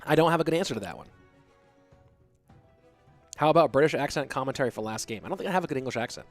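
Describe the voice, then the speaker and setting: Faint music plays behind this very fast, mid-range male voice. The speaker, a young esports commentator congested with a cold, casts a match on his own, giving play-by-play and reading chat. He's laid-back and talkative, fielding viewer questions between plays.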